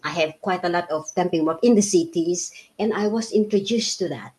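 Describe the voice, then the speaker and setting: This Filipina in her fifties, a native Tagalog speaker, has a lowish, slightly mellow voice and talks fairly quickly. She chats through her life story in a casual interview, often filling pauses and starting sentences over.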